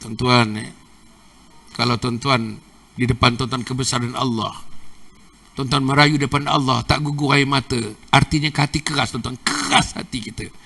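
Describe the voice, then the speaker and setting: A man's voice: mid-range voice, fairly even intonation, normal speed, gravelly, sharp tone, slightly rough, recorded from a distance. An older man with a Malaysian Malay accent preaching in a mosque, who repeats his phrases and keeps addressing the audience. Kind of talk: mosque religious lecture. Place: mosque hall.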